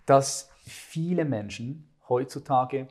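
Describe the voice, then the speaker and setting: A man's voice: mid-range voice, takes it slowly, darkish tone. A man hosting a casual talk, earnestly explaining ideas at length with frequent restarts. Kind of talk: casual conversation.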